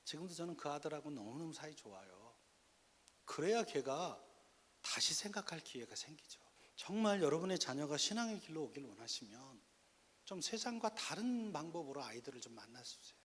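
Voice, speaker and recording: A middle-aged man, a pastor, gives a lively lecture to parents, weaving stories and direct questions to the room. His voice is slightly husky, and it rings out with a long reverb in a church hall. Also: fairly high pitch, fairly quick. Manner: lively storytelling with direct appeals to the audience.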